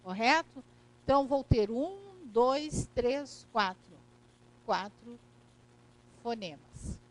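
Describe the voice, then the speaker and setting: A woman's voice: on the high side, lively intonation, takes it slowly, rough recording. A woman with a Brazilian Portuguese accent teaching a recorded grammar lesson, explaining step by step and checking in with "né?" and "correto?".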